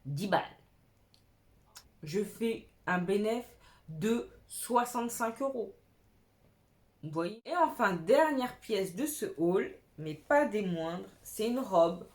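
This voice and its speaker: A young woman who vlogs about fashion shows off her secondhand purchases, chatting casually and with enthusiasm while using slang. Her medium-pitched voice is animated, though her pace is slow.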